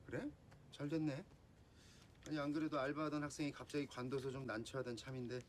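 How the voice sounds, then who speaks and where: A man plays a shop boss in a television drama. He talks very quickly at a medium male pitch. There is faint noise and ambience behind him. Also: flat delivery, lightly acted. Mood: brisk, matter-of-fact. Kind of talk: TV drama acting.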